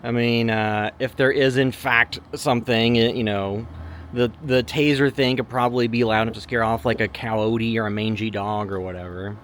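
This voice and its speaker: A man's voice: medium pitch, fairly even intonation, normal speed, fairly bright tone, natural voice. A man acting as a casual, skeptical amateur creature hunter in a found-footage horror film, muttering hesitantly to his camera. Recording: noisy location sound.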